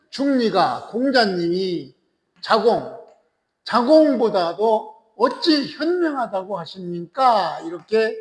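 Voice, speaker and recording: Man teaching a classical text, deliberate and repetitive, constantly tossing quick prompts at the class; high voice, slow, recorded in a reverberant hall. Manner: checks in with listeners using frequent tag questions; slow and deliberate, repeating and restarting phrases. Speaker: lecturer on classical texts. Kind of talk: lecture explaining a classical text. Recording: echoey lecture hall with long reverb.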